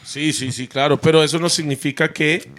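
A man's voice: a little high, fairly even intonation, fairly quick, a bit bright. A young man with a Costa Rican accent, joking around in a casual, slangy podcast chat. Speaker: podcast guest.

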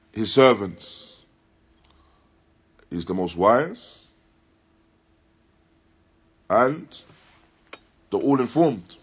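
His voice is fairly low, a bit bright and slightly husky as he teaches an Islamic lesson streamed live from an Islamic centre. The religious teacher works through a text deliberately and haltingly, restating ideas with emphasis and reciting in Arabic.

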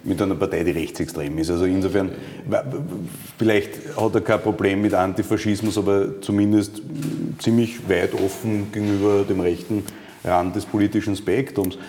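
A man's voice: low voice, fairly even intonation, normal speed, dark tone, big-room sound, slight background noise. A man interviewing a politician, pointed and interrupting, pressing with questions.

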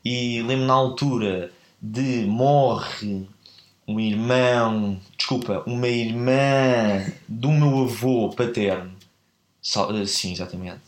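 A man's voice: mid-range voice, slow pace, echoey room. A man with a European Portuguese accent, telling a story in casual chat, rambling and often correcting himself. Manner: rambling, self-correcting, laughs at own mix-ups.

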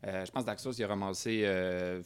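A man from Lac-Saint-Jean with a Québécois French accent, a guest talking board games in a casual podcast chat, quiet and hesitant with fillers. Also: low voice, steady tone, brisk, clear, resonant tone. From Lac-Saint-Jean, Quebec.

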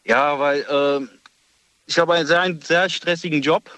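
A man from Frankfurt calling in to a radio show over the phone, talking in a hesitant, halting way full of fillers. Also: a little high, steady tone, bright, forceful tone, no echo. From Frankfurt, Germany. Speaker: radio call-in caller. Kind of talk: casual phone chat.

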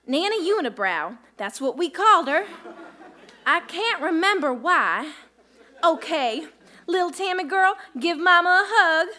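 Woman as chatty small-town mom, rambling folksy talk, high voice, radio comedy. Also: sing-song, a little slow, sharp tone, heavily acted. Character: rambling, folksy mother of a little girl. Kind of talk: live comedy radio play.

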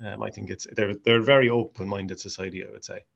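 This interview guest, an amateur drama society actor from Mayo in the west of Ireland, chats easily about his hobby in his local accent. He speaks fast in a low, creaky voice with fairly even intonation, on a muffled recording.

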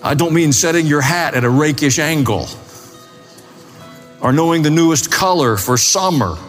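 Here a preacher with a fairly high, animated voice speaks at normal speed. His sermon is plain-spoken and insistent, punctuated by short repeated phrases, and the recording captures a long reverberant hall with faint music.

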